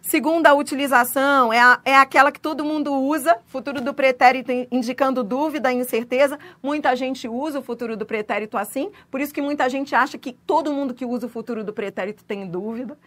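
A woman's voice: sits high, quick pace, hardly any pauses. A middle-aged woman with a Brazilian accent, teaching an exam-prep grammar lesson and acting out little dialogues as examples. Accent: Brazilian Portuguese. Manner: lively, acts out dialogues, laughs at her own examples.

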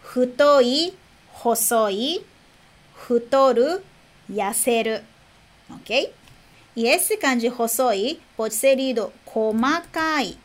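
A woman with a fairly high voice gives a kanji lesson at an unhurried pace. She says each word slowly, often twice, and checks in with the listener after every point. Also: animated. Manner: repeats words slowly, tags with "né?" and "ok?". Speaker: Japanese teacher.

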